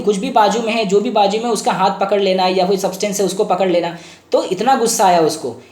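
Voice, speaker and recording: A man's voice: high-pitched, a little mellow. Man teaching a case in an echoey room. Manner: mixes English terms into Hindi, repeats and rephrases points. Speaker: homeopathy doctor and teacher. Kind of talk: explaining a patient case.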